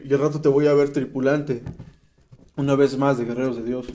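Preaching his testimony to addicts at a rehab center, a Mexican-accented man reads and explains scripture in a slangy, emphatic way. His medium-pitched voice is steady and dark, the pace fairly quick, with slight background noise.

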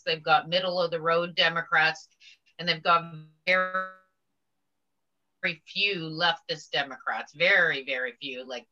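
A woman's voice: on the low side, bright, forceful tone, lo-fi sound. A woman guest in a casual political talk, speaking emphatically and asking pointed rhetorical questions. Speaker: guest commentator.

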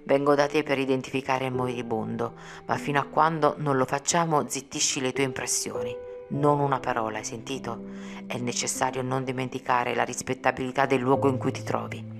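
A woman's voice: very deep voice, fairly even intonation, normal speed, creaky. A woman voicing a stern young male scholar who gives curt, austere orders in an audiobook. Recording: music playing behind. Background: music.

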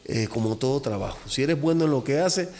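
A man, a voodoo priest, talking as a podcast guest, animated, acting out little dialogues and repeating phrases. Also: mid-range voice, fairly quick. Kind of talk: casual podcast talk. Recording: long echoey reverb.

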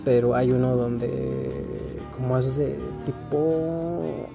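A man's voice: medium pitch, drawn-out words, vocal fry, over music. A man with a Mexican accent, talking casually and rambling in a laid-back, slangy way to his listeners. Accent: Mexican Spanish. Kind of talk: casual monologue.

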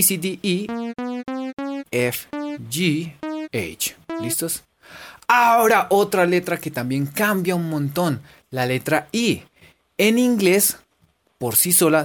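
A woman teaching English pronunciation in a playful, chatty, encouraging way. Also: deep voice. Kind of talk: casual online lesson.

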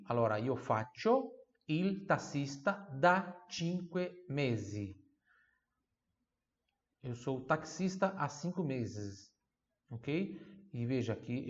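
Patient man teaching, slightly muffled. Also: mid-range voice. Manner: patient, repeats phrases slowly for practice. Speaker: Italian teacher. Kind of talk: online language lesson.

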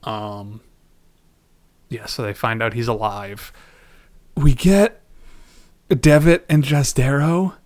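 Casual male podcast co-host, relaxed and chatty. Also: mid-range voice, takes it slowly, long pauses. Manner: relaxed, chatty, laughs often. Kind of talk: casual chat about an anime.

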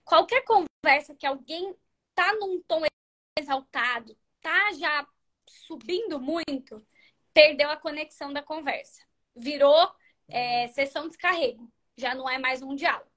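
A Brazilian woman in her thirties hosting a live stream, giving relationship advice in an animated, chatty way, acting out sample lines and sometimes dropping to a near-whisper. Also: high-pitched, measured pace. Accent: Brazilian Portuguese. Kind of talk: casual advice talk to viewers.

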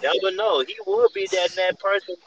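A man's voice: high voice, huge pitch swings, normal speed, highs cut off, over a noisy crowd. A man in casual chat, telling a long, rambling basketball story with many fillers.

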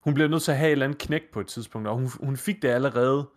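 A man co-hosting a gaming podcast, talking casually and enthusiastically, rambling through his thoughts. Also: mid-range voice. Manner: enthusiastic, quick, rambling analysis. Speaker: podcast co-host. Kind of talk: casual chat.

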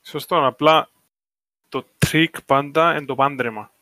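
Cypriot greek guy chatting in a discussion, lowish bright voice, really dry recording. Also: dry recording. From Cyprus. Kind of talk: casual discussion.

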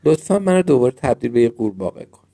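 A man's voice: medium pitch, very animated, dark tone. A man voicing a sulky little male frog who was turned into a prince, complaining and stubborn, in a storybook reading.

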